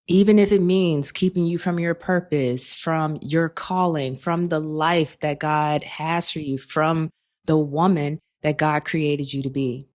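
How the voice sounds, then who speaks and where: A woman hosting a faith-based self-help podcast, speaking calmly and encouragingly, addressing the listener directly with pet names and frequent check-ins. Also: low-pitched. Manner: calm, reflective delivery with frequent check-ins. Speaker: podcast host.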